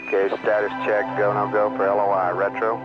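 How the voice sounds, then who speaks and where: A flight controller calling out a terse, clipped status check over a radio link, heard in a muffled archival clip. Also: male voice, fairly low pitch, monotone, brisk. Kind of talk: mission radio callouts. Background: music.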